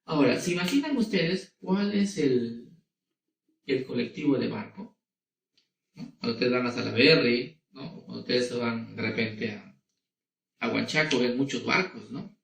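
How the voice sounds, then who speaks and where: A male teacher giving a slow, patient lesson to children, often checking that they follow. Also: mid-range voice, animated, creaky, roomy sound, distant mic, a little hiss or hum. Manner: slow and patient, asking many rhetorical questions. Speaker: schoolteacher. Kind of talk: recorded classroom lesson for children.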